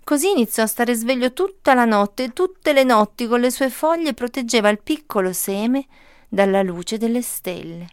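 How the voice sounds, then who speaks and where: A woman reading a children's story aloud in a gentle, expressive way. Her voice is slightly high, smooth and resonant, and it comes across dry and close to the mic. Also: moderate pace, dry recording.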